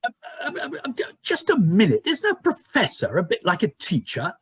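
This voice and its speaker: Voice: medium pitch, wildly swooping pitch, a little fast, husky, no room sound, clean studio sound, full character voice. An actor playing a relentlessly cheerful, bumbling leader in a comic pantomime, pompous and blustering.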